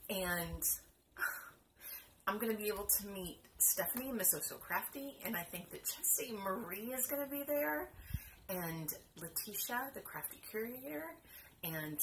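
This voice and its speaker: Woman vlogger, chatty and excitable, casual home talk, noisy background. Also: mid-range voice. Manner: chatty, excitable, self-deprecating. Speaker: cross stitch vlogger. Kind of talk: casual chat to camera. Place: home room.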